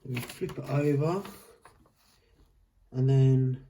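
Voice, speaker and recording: A man's voice: mid-range voice, takes it slowly, background noise. A man vlogging a casual how-to, talking through each step as he handles the device.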